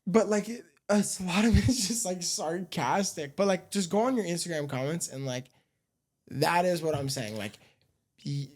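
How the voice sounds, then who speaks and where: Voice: mid-range voice, normal speed. A young adult podcast co-host, talking casually and insistently, laughing and swearing often. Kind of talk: casual chat.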